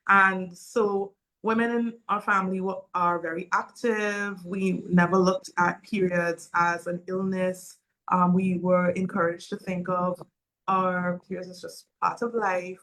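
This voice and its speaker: Woman in her forties from Saint Vincent, low-pitched, earnest, candid panel guest with filler words. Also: creaky, fairly bright tone, rough recording. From Saint Vincent and the Grenadines. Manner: earnest, open, with frequent um fillers. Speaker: guest speaker. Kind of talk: personal story in an online panel.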